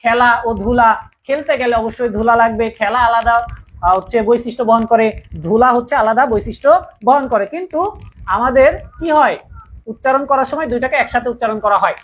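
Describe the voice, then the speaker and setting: A woman's voice: fairly high pitch, a little fast, a little hiss or hum. A woman teaching a casual grammar lesson, patiently repeating key points and asking the class rhetorical questions. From Bangladesh.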